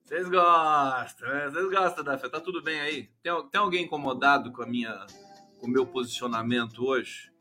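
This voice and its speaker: A man hosting a live stream, giving teasing, animated political commentary. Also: medium pitch, normal speed, over loud music.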